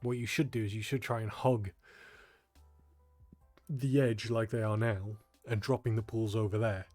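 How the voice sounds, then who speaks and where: A young man, a gaming channel host, casually talking through a gameplay guide in a relaxed, explanatory way, sounding tired and yawning. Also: lowish voice, moderate pace, soft background music. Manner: relaxed, explanatory, frequent ums.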